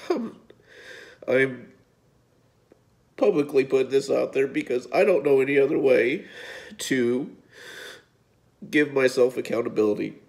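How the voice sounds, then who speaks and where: Man, 30s, gravelly mid-pitched voice, heartfelt and faltering, near tears. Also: a little mellow. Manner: halting, repeats words, speaks from the heart. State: tearful, voice breaking at times. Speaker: physique coach. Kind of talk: emotional personal video update.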